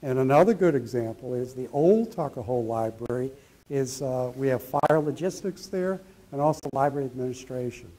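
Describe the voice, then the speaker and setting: A man's voice: medium pitch, moderate pace, warm tone. Man, middle-aged, town hall presentation, handheld mic, meeting room, explanatory. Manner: explanatory, answers audience questions. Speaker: county library official presenting a project. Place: meeting room with projector screen. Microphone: handheld microphone.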